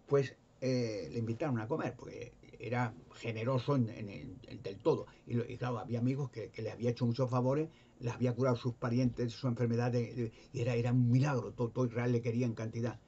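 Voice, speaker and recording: Rambling Spaniard retelling Bible stories. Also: male voice, medium pitch, fairly even intonation, fast, few pauses, dark tone. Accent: Spain Spanish. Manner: rambling, repetitive, with frequent stammered restarts. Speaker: lay preacher. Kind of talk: informal Bible storytelling. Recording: slightly dull with faint background noise.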